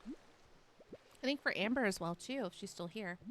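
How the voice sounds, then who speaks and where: A woman's voice: mid-range voice, animated, a little slow, fairly bright tone, slight background noise. A young woman with a light Texan accent, chatting casually and rambling with her livestream viewers. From Texas. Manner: rambling, chatty, lots of "like" fillers. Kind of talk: casual chat with stream viewers.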